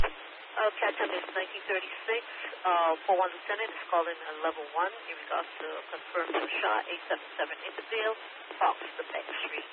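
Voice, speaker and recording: A man's voice: high-pitched, a little fast. A man working as a police radio dispatcher, relaying calls in a clipped way full of radio codes, heard over a police scanner. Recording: hissy tinny radio transmission.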